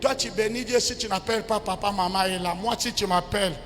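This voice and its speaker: A male pastor preaching a sermon, swinging between loud shouted cries and quiet asides. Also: high voice, steady tone, fast talker. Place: large church hall. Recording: church hall reverb with music. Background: music.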